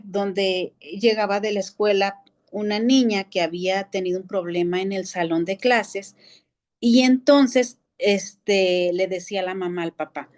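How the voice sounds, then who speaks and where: A middle-aged woman with a Mexican accent teaching a church family class in a conversational lecture, explaining patiently and often pausing on filler words. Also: mid-range voice, darkish tone. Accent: Mexican Spanish.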